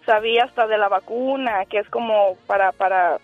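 Calling in on the phone, a nervous woman in her forties giggles her way through a rambling story full of restarts. The line sounds tinny, soft music plays underneath, and her medium-pitched voice moves at a normal speed.

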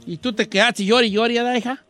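A man's voice: very high voice, fairly even intonation, fast talker, sharp tone, faint music behind. A man playing a cheeky old Mexican radio host with a Mexican accent, teasing his callers on a comic call-in show. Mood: giggly. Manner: teasing, bursts of laughter.

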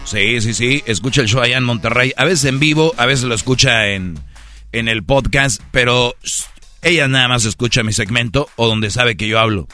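Mexican radio guy, mid pitch, bright voice, faint music behind. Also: moderate pace. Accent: Mexican Spanish. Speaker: radio show co-host. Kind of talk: casual comedic radio chat.

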